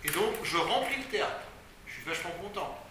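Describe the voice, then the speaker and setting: A man telling a casual anecdote in a lively way, with laughing asides. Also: sits high, brisk. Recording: echoey distant room with noise.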